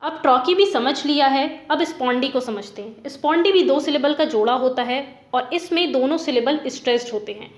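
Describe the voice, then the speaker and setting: A woman's voice: high voice, fairly quick, few pauses, roomy sound. A woman teaching a lesson, explaining step by step in a patient way. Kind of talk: Hindi lesson explaining poetic meter.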